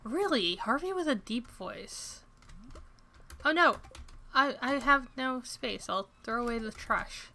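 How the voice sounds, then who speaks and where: A young woman streaming a farming game, chatting to her viewers at a desk mic. Her voice is bright and forward, with self-deprecating asides, and keyboard typing clicks behind her. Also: on the high side, lively intonation, slow pace. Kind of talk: casual gameplay commentary.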